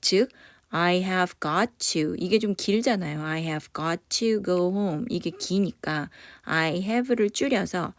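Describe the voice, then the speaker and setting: A woman teaching English grammar in Korean, patiently explaining and saying English phrases slowly for learners to repeat, with encouraging praise. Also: lowish voice, no room sound, studio quality. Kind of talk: online English lesson.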